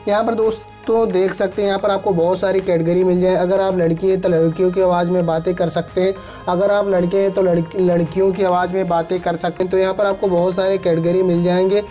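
A man's voice: high-pitched, darkish tone. Man narrating an app tutorial over music. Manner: instructional, addresses listeners repeatedly as friends. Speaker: host of a tech tips channel. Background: background music.

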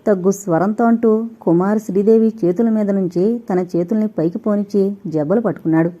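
A woman narrating a novel in a slow, measured, expressive reading. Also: mid-range voice. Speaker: audiobook narrator. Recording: dull lo-fi recording.

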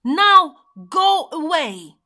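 A woman voicing a hungry, gruff old male wolf with a soft heart, groaning and grumbling through his lines. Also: sits high, sing-song, takes it slowly, exaggerated voice. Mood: exasperated. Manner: groaning, grumbling, sometimes howling.

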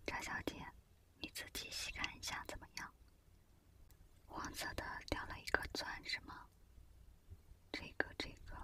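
A woman playing a pushy, smooth-talking shop saleswoman in a whispered role-play, coaxing a customer with persuasive service patter. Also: close to an everyday voice.

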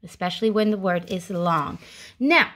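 A woman teaching a phonics lesson to young children, with slow, carefully enunciated words and sing-song greetings. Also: medium pitch, fairly bright tone.

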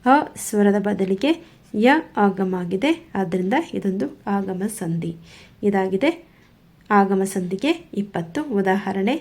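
A woman's voice: medium pitch, darkish tone, slight background noise. A woman teaching a grammar lesson, going through examples one by one in a methodical, repetitive way. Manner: slow, methodical, repetitive explaining.

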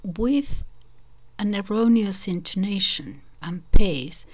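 An older woman with a Spanish accent hosts her channel, addressing her online audience in a casual, wandering way, correcting and restarting herself and often slipping into soft, whispery asides. Her medium-pitched voice is lively in intonation and slow.

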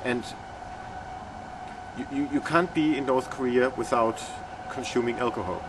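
A man in his thirties with a Danish accent gives reflective interview answers, halting as he searches for words. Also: mid-range voice, noisy background. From Denmark. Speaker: filmmaker being interviewed. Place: outdoor courtyard among glass buildings. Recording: distant mic outdoors, urban bustle behind.

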